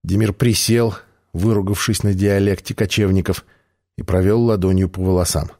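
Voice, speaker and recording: A man narrating an audiobook in the first person, with a measured, even reading. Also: sits low.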